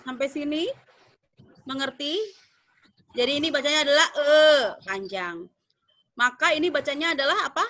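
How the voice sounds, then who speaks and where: Bright high-voiced woman teaching English. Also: moderate pace, pauses often. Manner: drills words by repeating them. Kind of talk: online English pronunciation lesson.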